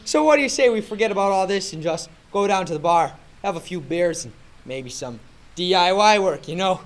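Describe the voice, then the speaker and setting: A man's voice: high voice, expressive, fairly quick. A man playing a cheerful, easygoing police officer in an amateur comedy radio play, talking in a chummy, theatrical way.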